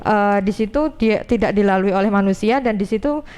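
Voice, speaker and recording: A woman guest explaining things in a radio interview, haltingly and often rephrasing. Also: mid-range voice, darkish tone, a little hiss or hum. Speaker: agricultural extension guest.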